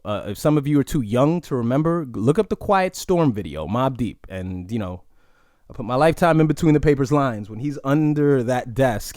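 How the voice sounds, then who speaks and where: A man's voice: medium pitch, a little mellow, dry recording, studio quality. A man, hosting a casual solo podcast and musing in a reflective, rambling way full of "you know" asides. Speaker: podcast host.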